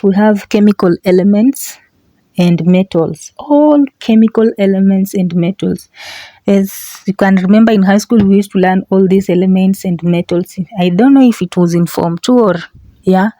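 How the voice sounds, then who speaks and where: Slow-paced woman teaching a language lesson. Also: medium pitch, mellow, no echo. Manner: instructional, repeats example words, often checks with "okay?". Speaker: teacher, video host. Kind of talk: language lesson for online video.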